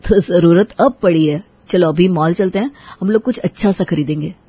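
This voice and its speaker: Woman doing a laid-back cartoon husband, low husky voice, dry dull sound. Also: moderate pace, dry recording. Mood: coaxing. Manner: relaxed, coaxing. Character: easygoing modern young husband.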